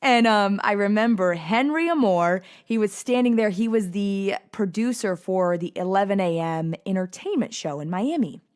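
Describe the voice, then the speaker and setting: A woman's voice: mid-range voice, normal speed, hardly any pauses. A young adult woman hosting a podcast, telling a personal story with animation and acting out the dialogue. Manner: animated, acts out quoted dialogue. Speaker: podcast host.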